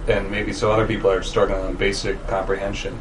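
A man's voice: sits low, monotone, fast talker. A man, a student in a class, asking a question politely and hesitantly. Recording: distant mic, audible room noise.

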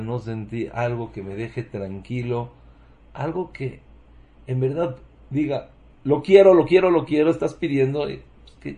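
Guy giving a torah class, slow and warm toned, keeps asking big questions. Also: mid-range voice. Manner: rhetorical questions, emotive emphasis. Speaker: Torah teacher. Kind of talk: Torah lecture.

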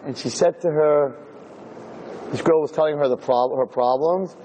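Speaking at a normal pace in a fairly high, warm voice, a rabbi gives an emphatic, informal Torah lecture to an audience in a lecture room, throwing out many rhetorical questions. There is slight background noise and the audio is poor.

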